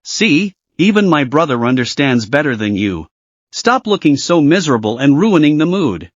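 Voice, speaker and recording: A man's voice: on the high side, very animated, moderate pace, dry recording. A man voicing a vain, smug young wife who spends freely and talks with boastful scorn. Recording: dry, dull lo-fi voice.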